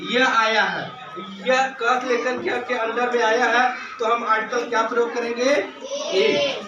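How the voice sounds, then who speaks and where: High-voiced male teacher in an echoey classroom. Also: dull audio. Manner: asks questions and answers them himself; addresses students as beta. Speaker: school English teacher. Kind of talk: classroom grammar lesson. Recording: echoey room from far off, noisy.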